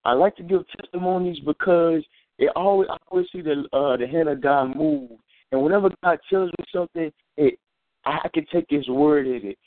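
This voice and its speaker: A man's voice: on the high side, normal speed, no room sound. A man giving an earnest, informal faith testimony and sermon, repeating and restarting his phrases as he goes. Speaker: preacher sharing a testimony. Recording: dry tinny phone-like sound.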